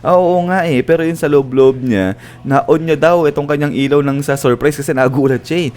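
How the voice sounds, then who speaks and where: A man's voice: medium pitch, fairly quick, a little mellow. A man casually retelling an anime episode as a recap narrator, chuckling often as he goes.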